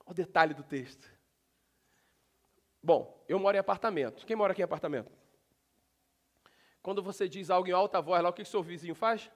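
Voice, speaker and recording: A man with a Brazilian Portuguese accent preaching a sermon in a church, talking directly to the congregation and breaking into sudden loud shouts. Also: high voice, a little fast, pauses often. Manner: animated, talks directly to the congregation. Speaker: pastor. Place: church sanctuary.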